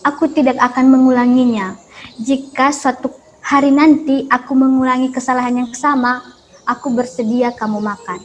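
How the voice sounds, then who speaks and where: A woman voicing a frightened little mouse begging for mercy, in a high pleading voice. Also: steady tone, moderate pace, slight background noise, natural voice.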